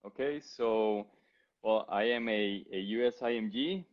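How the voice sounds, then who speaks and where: A physician in his thirties from Costa Rica, with a Costa Rican accent, answers interview questions politely and somewhat formally over a video call. His voice is on the low side and measured in pace, and the call audio is dull and lo-fi.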